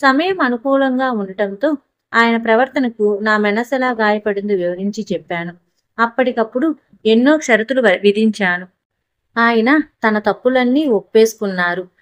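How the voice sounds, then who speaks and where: A woman reading a first-person story aloud in a steady, even narrating voice. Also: a little high, normal speed, no room sound. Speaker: audiobook narrator.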